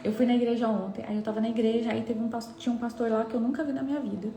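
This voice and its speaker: Woman preaching her testimony, high voice, all fervent and emphatic, echoey room w/ soft music under. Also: fairly even intonation, very fast. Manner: emphatic and fervent, acting out prayers and dialogue.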